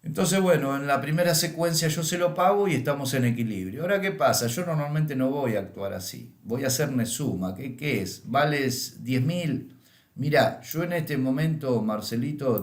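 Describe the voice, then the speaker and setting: A middle-aged man with a Rioplatense Spanish accent teaches astrology in a storytelling lecture, his voice sitting at an ordinary middle pitch. He keeps tagging his sentences with a questioning "¿m?" or "¿eh?". The room around him is noticeably echoey. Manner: tags lines with questioning "¿m?" and "¿eh?". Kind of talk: lecture with anecdotes.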